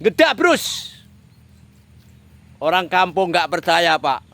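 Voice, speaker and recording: Taking it slowly, a man with a high, gravelly, somewhat bright voice gives a political monologue. He speaks right to a politician, using repetitive, emphatic phrasing.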